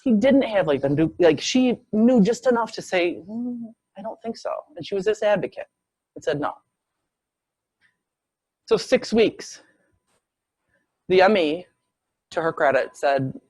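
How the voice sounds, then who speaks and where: Higher-voiced man telling a case story. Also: expressive, unhurried, long pauses, a little mellow, dry recording. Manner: storytelling, acts out quoted speech. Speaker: visiting professor lecturing. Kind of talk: medical case lecture.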